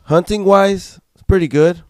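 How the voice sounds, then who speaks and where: Relaxed man co-hosting, a bit under the weather. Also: sits high, moderate pace, clean tone, no echo, clean studio sound. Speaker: podcast co-host, reseller. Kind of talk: casual chat.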